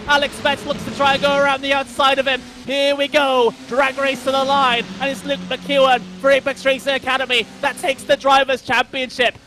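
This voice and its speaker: A British man commentates a virtual car race in a rapid, excitable play-by-play. His voice sits very high for a man. Engine noise and hiss run clearly behind him. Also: rough recording. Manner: rapid play-by-play, breathless at the finish.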